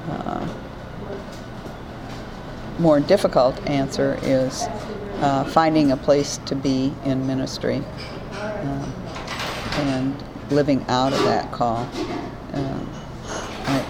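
Low-voiced older woman recalling, halting. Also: steady tone. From New York State. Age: 70s. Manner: thoughtful, halting with many fillers. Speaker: retired pastor. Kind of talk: oral history interview. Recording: noisy background hiss.

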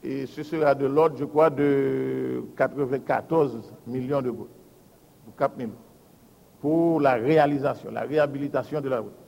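A man, a public works official giving a formal budget presentation and reading out lists of figures in a measured, deliberate way. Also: medium pitch, steady tone, creaky, darkish tone. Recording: hall with long reverb.

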